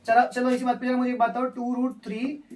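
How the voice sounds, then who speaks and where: A man's voice: very high voice, completely flat delivery, quick pace. A male maths teacher giving a live lesson in a classroom, walking through each step aloud and repeatedly quizzing his students. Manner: repeats steps, asks class questions. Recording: distant from mic.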